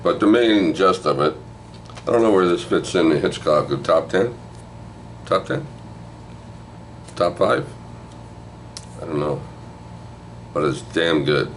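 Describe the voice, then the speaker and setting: Older man, extremely low voice, rambling movie review, swears a lot, keeps tossing in "right?". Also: slight background noise. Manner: rambling and profane, with frequent "right?" asides. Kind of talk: casual rambling film recap.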